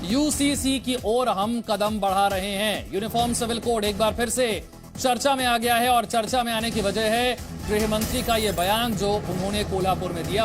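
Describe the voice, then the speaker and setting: A man presenting the news and pressing debate guests with questions. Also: sits high. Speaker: news anchor.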